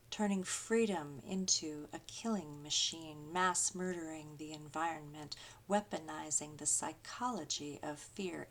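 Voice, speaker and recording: A woman pastor preaches with a slow, measured cadence, each phrase landing deliberately. Her voice sits somewhat low, and she reads poetry aloud in a rhythmic, incantatory way, returning again and again to the same refrain. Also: a bit bright. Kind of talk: sermon with poetry reading.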